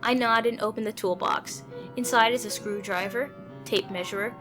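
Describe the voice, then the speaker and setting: A woman reads a visual novel aloud over background music, shifting between narration and character dialogue. Her voice is a little high and a bit bright, at normal speed.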